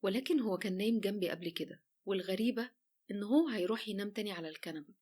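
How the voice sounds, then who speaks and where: Fast-talking Egyptian woman storyteller. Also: medium pitch. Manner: lively, chatty. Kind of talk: first-person romance story narration.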